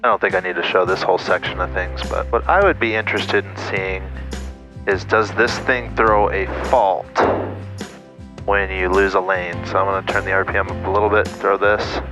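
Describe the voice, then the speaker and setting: A man talking casually to viewers as a pilot and host, thinking aloud and narrating what he does in a small plane cockpit. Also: fairly low pitch. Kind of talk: casual vlog talk to viewers while flying. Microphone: aviation headset.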